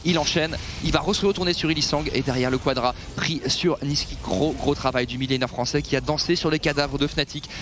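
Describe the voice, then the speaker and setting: Fast-talking male esports caster. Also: on the high side, fairly even intonation, noisy background. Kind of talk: analytical esports commentary and replay breakdown.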